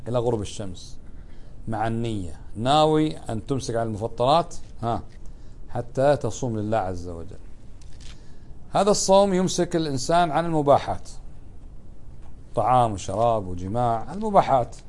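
A man's voice: medium pitch, very animated, fairly quick, pauses often, darkish tone. Man giving a religious lesson, questioning students. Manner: asks students questions and answers them, conversational. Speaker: sheikh teaching a lesson. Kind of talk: classroom religious lesson explaining a text.

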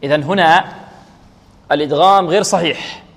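A man teaching Quran recitation rules, who asks his students questions and answers them himself, and who chants verses slowly as examples. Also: a little high, a bit bright. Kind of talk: tajweed lesson with recited examples. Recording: radio broadcast with long reverb.

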